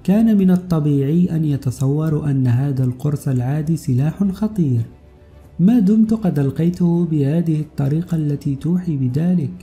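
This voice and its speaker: A man voicing a calm, fearless male intelligence officer in an audiobook story, speaking with quiet, sardonic confidence. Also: a little high, brisk, soft background music, lightly acted. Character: calm, fearless male spy hero, mocking.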